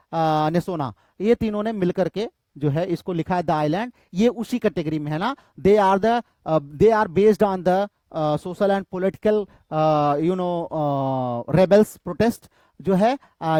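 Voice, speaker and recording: A man's voice: sits high, a little mellow, dry recording. A male literature teacher giving an exam-prep lecture in Hinglish, often asking a question and then answering it himself. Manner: repetitive quizzing, asks and answers own questions.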